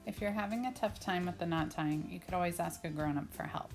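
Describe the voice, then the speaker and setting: A woman art teacher talks through a craft tutorial for children, keeping her explanations simple and step by step. She speaks fairly quickly in a fairly low voice, with background music underneath.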